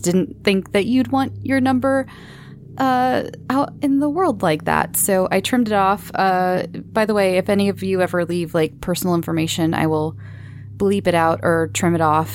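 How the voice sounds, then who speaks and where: Answering listeners' voicemails and questions, a podcast host talks in a loose, rambling, informal way. Her voice is on the low side, and a bit of background noise can be heard.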